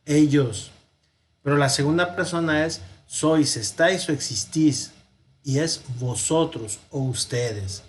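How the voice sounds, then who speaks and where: A man teaching a recorded Latin lesson, speaking slowly, repeating forms for dictation and correcting himself aloud. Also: on the high side.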